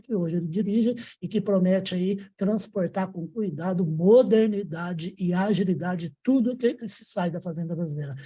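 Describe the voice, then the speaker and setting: Husky high-voiced emphatic host. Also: male voice, warm tone. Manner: emphatic, folksy, uses football idioms. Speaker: podcast host. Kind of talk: conversational interview hosting.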